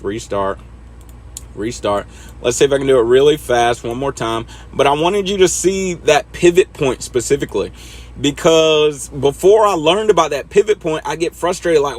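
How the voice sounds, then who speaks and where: A man talking casually through a trucking simulator as he teaches backing, laid-back and chatting to himself as he drives. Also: on the high side. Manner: laid-back, talks to himself while driving. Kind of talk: casual instructional commentary over gameplay.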